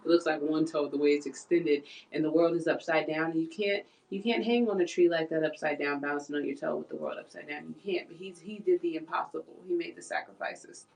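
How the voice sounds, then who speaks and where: A woman's voice: sits low, steady tone, brisk, creaky, hardly any pauses, darkish tone, poor audio. A woman giving a live tarot reading, now and then voicing what the cards' figures would say. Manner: speaks for the cards' figures in quoted asides. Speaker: tarot reader.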